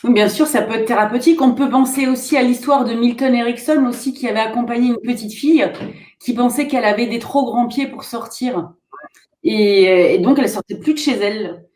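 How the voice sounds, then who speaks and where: A woman with a French accent, a therapist, calmly explaining her practice in conversation. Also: fairly high pitch, brisk, roomy sound. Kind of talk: casual discussion between therapists.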